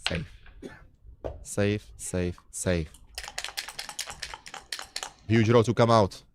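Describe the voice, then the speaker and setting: A man's voice: lowish voice, very slow, background noise. A man with a Czech accent giving live backgammon commentary, chatty and playful, often repeating his phrases.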